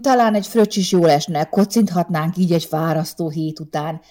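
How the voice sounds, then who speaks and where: A woman reading the part of a tired, sweaty middle-aged deputy director who speaks awkwardly, clearing his throat. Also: lowish voice, fairly even intonation, mellow, natural voice.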